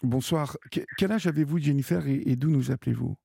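Gravelly, halting male radio host. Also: on the high side, warm tone. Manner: halting, many fillers and repeated words. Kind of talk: radio call-in hosting.

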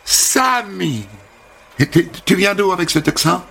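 A woman's voice: fairly low pitch, lively intonation, unhurried, gravelly, a bit bright, slightly rough, pitched above the performer's own voice, heavily acted. A man voicing a bubbly, chatty American woman hairdresser with squealing exclamations. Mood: gushing.

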